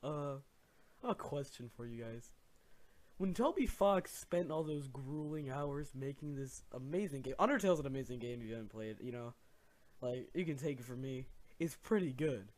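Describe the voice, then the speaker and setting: A man's voice: medium pitch, lively intonation, normal speed. A man giving exaggerated, theatrical and incredulous commentary as the host of a reaction video.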